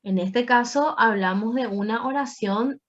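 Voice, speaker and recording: A woman's voice: fairly high pitch, a little slow, highs cut off. A woman teaching a Spanish grammar class online, explaining patiently with playful asides to her students.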